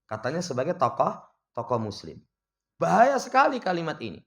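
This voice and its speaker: Man teaching a lively religious lesson. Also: a little fast, creaky. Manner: reads Arabic text aloud, then explains it with lively shifts in pitch and volume. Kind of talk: kitab study lesson, reading Arabic then explaining.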